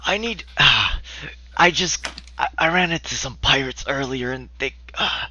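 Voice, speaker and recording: A man voicing a very old man, a frail, polite, wounded fisherman who speaks haltingly and pleadingly. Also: medium pitch, pushed and bright, muffled recording, slight background noise. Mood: pained, pleading.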